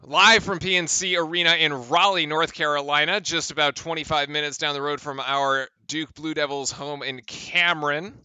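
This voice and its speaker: A man doing excited live play-by-play for a fan stream, chatting with viewers and shouting on big plays. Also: fairly high pitch, normal speed, few pauses, clear, resonant tone, dry recording.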